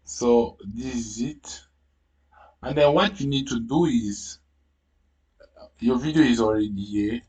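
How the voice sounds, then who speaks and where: This casual screen tutorial is narrated by a man whose first language is French, with a medium-pitched, slightly mellow voice, a slow pace and long pauses. He stumbles through plenty of fillers and restarts, recorded from a distance in low quality.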